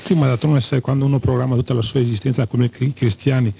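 A man's voice: medium pitch, fairly even intonation, fast talker, gravelly, warm tone, a little hiss or hum. A man co-hosting a radio show, giving opinionated commentary in emphatic, repetitive lists. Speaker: radio co-host.

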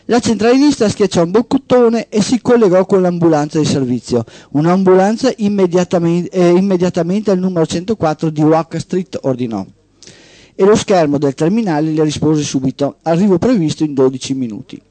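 A radio host who chats easily, then reads a story aloud on a call-in show from a studio. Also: male voice, high-pitched, animated, fairly quick, warm tone, no echo. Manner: easygoing, chatty lead-ins before reading.

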